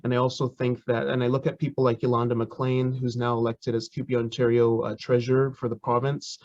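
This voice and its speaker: Man panelist, halting and rambling, dry muffled call sound. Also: mid-range voice, level tone, a little mellow, no echo. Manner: rambling, halting with many uh fillers. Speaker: conference panelist. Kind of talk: casual remarks. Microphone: video call. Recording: dry, dull video call audio.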